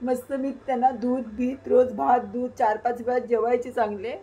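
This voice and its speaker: A woman from Maharashtra vlogging casually to her viewers and her small daughter, tearful and cooing in soft sing-song baby talk. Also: fairly high pitch, steady tone, moderate pace, poor audio. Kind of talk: casual vlog talking to viewers and her child.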